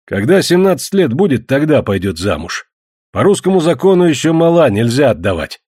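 A man voicing a sly, mocking trader who banters loudly and teases everyone. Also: mid-range voice, big pitch swings, brisk, slightly rough, no echo, studio quality. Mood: teasing. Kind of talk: audiobook character voice.

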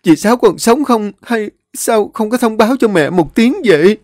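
A man voicing an emotional older mother, pleading in a high, raised voice. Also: lively intonation, moderate pace, darkish tone, dry recording, studio quality. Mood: anxious.

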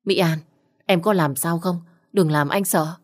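A woman's voice: fairly low pitch, a little slow. A woman voicing a scared young husband who keeps soothing and reassuring his wife. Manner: soothing, urgent.

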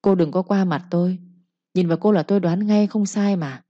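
A woman voicing a sharp-tongued village mother who nags and lectures her daughter in a told story. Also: fairly low pitch, fairly quick, dry recording, natural voice. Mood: nagging. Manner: nagging, lecturing with proverbs. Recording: dull lo-fi recording.

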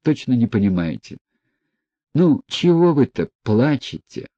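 A man's voice: mid-range voice, sing-song, a little slow, dark tone, no echo, highs cut off. A man voicing an anxious, impatient teenage boy in an audiobook, urging and scolding in a raised, urgent voice.

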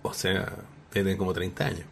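A man's voice: deep voice, level tone, fast, vocal fry. A young man with a Chilean accent, co-hosting a podcast, joking and rambling in slangy casual chat. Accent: Chilean Spanish. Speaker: podcast co-host.

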